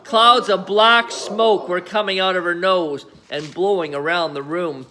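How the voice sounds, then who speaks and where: A man reading a children's story aloud as storyteller, with dramatic, emphatic phrasing and deliberate pauses. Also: sits high, steady tone, pushed and bright. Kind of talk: animated children's story narration.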